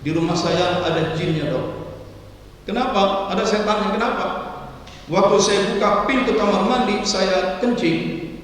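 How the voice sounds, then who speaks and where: A man's voice: sits high, measured pace, a bit bright, a little hiss or hum, pitched above the performer's own voice. A preacher putting on a fretful senile old man. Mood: worried. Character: confused senile old man, eighty, phoning his doctor. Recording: echoey hall, distant mic.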